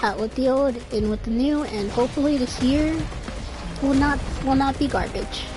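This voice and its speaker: High-voiced with fairly even intonation and a normal speed, this gaming streamer in her twenties has a throat that sounds dry and a little scratchy. She rambles casually about her gameplay over game music, frequently trailing off and restarting.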